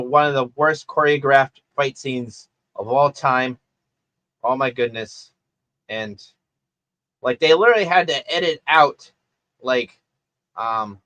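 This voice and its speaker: A man's voice: medium pitch, sharp tone, dry recording. A man talking in a casual, rambling rant, full of fillers and restarts, as he reviews a film.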